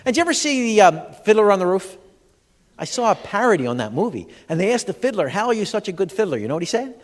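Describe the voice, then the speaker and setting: On stage in a big expo hall, a male comic with a high, fast voice tells stories to a live crowd, acting out the dialogue and addressing the audience with animation. He is a comedian and humor educator, and the recording has long hall reverb.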